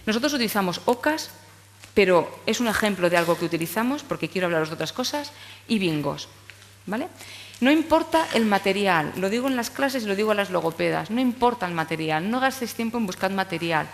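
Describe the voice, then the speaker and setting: A woman's voice: mid-range voice, expressive, brisk, a little hiss or hum. A woman from giving a talk on speech therapy to teachers, explaining step by step and checking in often with "¿vale?" and "¿eh?". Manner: explanatory, frequent tag questions. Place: conference hall. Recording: long hall reverb.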